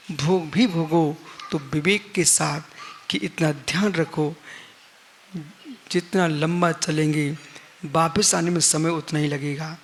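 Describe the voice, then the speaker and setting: A middle-aged Jain monk with a somewhat high voice gives a conversational sermon to an audience in a live assembly hall, putting questions to them and acting out the people in his stories. There's slight background noise.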